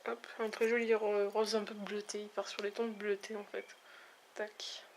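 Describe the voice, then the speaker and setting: A woman's voice: mid-range voice, level tone, moderate pace, darkish tone, a little hiss or hum. A woman reviewing a makeup palette in a casual vlog, talking in a hesitant, chatty way with many fillers. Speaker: beauty vlogger. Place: at home, near a window with backlight.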